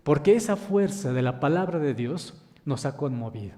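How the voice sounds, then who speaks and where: A man's voice: a little high, expressive, normal speed, mellow. A man minister preaching a sermon, reading scripture aloud and putting questions to the congregation, whom he calls brothers. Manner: addresses listeners as brothers. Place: church. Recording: long church reverb.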